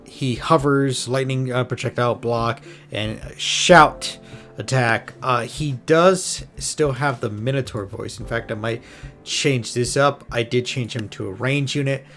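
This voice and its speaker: A man's voice: medium pitch, measured pace, a bit bright. A man hosting a gaming video with casual commentary, rambling and thinking aloud as he goes. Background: music behind the voice.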